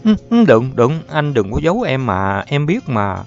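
A man voicing a tender, worried young woman who pleads softly with her sick lover. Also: mid-range voice, big pitch swings, moderate pace, voice pushed up. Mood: pleading. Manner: pleading, soft and fussing. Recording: dull lo-fi audio, faint music.

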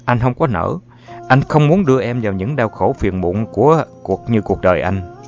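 A man voicing a feverish young man who quietly reassures his worried lover. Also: fairly low pitch, animated, moderate pace. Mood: earnest. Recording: dull lo-fi audio, faint music.

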